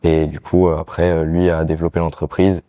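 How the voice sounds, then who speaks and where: A young Parisian man with a low, mellow voice and level tone answers interview questions casually as a carpenter guest. He speaks briskly but hesitantly, with many fillers.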